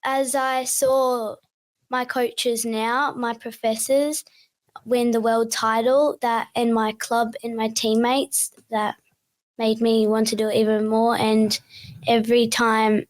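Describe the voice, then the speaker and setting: A young Australian girl from Perth with a fairly high voice answers interview questions. Her replies are short, earnest and a little careful. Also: level tone, slow pace. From Perth, Western Australia. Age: child. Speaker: young guest.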